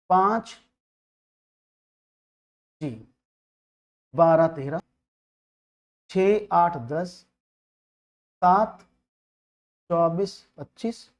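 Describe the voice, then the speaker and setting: A maths teacher with a high, darkish voice gives an online exam-prep lecture. He solves problems step by step, mixes in English phrases, and keeps checking that his students are following.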